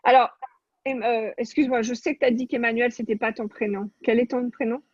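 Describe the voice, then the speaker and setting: A woman's voice: a little high, fairly even intonation, fairly quick, husky, no echo. A woman coaching a group on an online call, talking off the cuff in an encouraging, directive way. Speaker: coach leading an online class. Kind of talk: spontaneous coaching talk. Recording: muffled, dull online-call audio.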